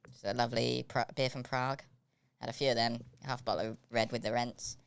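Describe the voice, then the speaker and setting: A British man co-hosting a casual podcast, his voice altered with a chipmunk-like pitch shift. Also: level tone, brisk, gravelly, clear, resonant tone. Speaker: podcast co-host. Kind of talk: casual chat.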